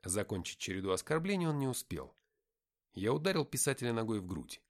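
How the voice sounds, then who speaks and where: A man's voice: mid-range voice, sing-song, brisk. A man narrating an action novel in the first person, reading expressively. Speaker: audiobook narrator.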